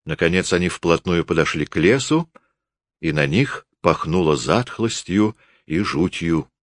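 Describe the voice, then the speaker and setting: A man reading a novel aloud as an audiobook narrator, in an expressive storytelling manner. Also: deep voice, a little slow, no room sound, clean studio sound. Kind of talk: scripted literary narration.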